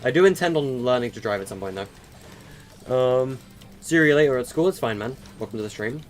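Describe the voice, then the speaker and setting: An animated eighteen-year-old man speaks at a moderate pace in a medium pitch while live-streaming a game. He answers viewers in loose, rambling chat, full of fillers and stutters.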